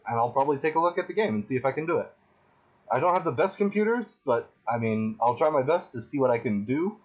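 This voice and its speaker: A man's voice: a little high, rough recording. A man streaming a video game live, talking casually to his viewers in a chatty, self-deprecating way and sounding tired. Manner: chatty and self-deprecating, says freaking a lot. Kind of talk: live gameplay stream commentary.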